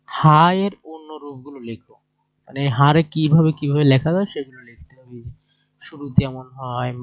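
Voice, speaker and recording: A man with a Bangladeshi Bengali accent teaching a lesson from a textbook. He explains each exercise in plain talk and checks in with his listeners. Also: medium pitch. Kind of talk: lesson, reading through a textbook. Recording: dull lo-fi recording.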